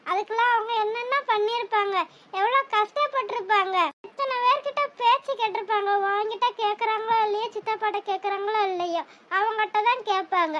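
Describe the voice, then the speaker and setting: A woman's voice: very high voice, fairly quick, fairly bright tone, dull audio, a little hiss or hum. A woman voicing a young married woman who earnestly comforts her aunt. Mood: consoling. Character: young married woman, gentle, consoling niece.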